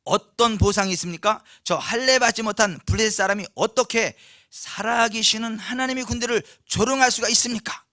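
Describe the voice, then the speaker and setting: A man's voice: sits high, a little fast, sharp tone, no echo, clean studio sound, pitched above the performer's own voice. A man voicing a bold young shepherd in a sermon retelling, asking earnest, ringing questions.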